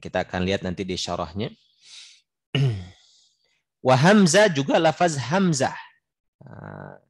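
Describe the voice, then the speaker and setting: A man's voice: on the low side, dry recording. A man teaching a recitation class, reading classical verse and translating it line by line, drawing out example sounds to model pronunciation and often stopping to correct himself. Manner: reads Arabic verse, then translates and explains it line by line. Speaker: Islamic religious teacher. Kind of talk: recitation class explaining a classical Arabic poem.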